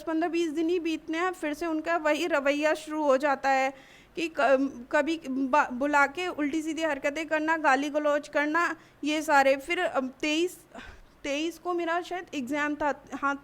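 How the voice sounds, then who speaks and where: A young woman, a college student, gives a halting personal account in a news interview, often restarting her sentences. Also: high voice, a bit bright. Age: young adult. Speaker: college student giving testimony.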